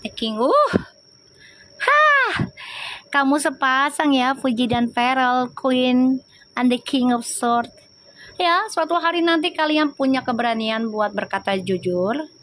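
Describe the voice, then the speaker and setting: A woman's voice: high-pitched, lively intonation, slow pace, fairly bright tone. A woman gives a casual live tarot reading, chatty and teasing and often breaking into laughter. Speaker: tarot reader on a live stream.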